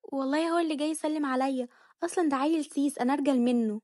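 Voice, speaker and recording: A woman's voice: sits high, steady tone, rapid-fire, a little mellow, no echo, studio quality. A woman voicing a spoiled cheeky young wife. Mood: nervous. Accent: Egyptian Arabic. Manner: sassy, playful, bratty.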